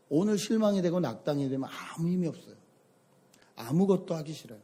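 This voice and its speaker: Middle-aged male pastor, mellow husky voice, storytelling sermon delivery. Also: fairly high pitch. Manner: storytelling, animated anecdotes.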